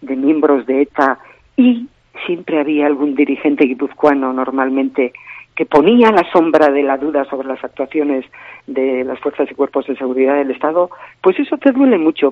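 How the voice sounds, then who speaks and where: A woman's voice: sits low, dry recording. Woman, radio phone-in guest, earnest, emphatic, tinny phone line, dry sound. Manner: earnest, emphatic, repeats key phrases. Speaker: spokesperson for terrorism victims' group. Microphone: telephone.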